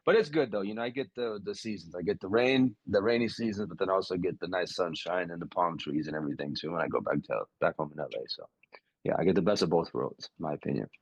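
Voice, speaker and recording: A young man, a boxer and podcast guest, talking in a relaxed, rambling way with many fillers and restarts over a video call. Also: deep voice, fast talker, slightly rough, dry recording, dull audio. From United States, West Coast. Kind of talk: casual podcast interview.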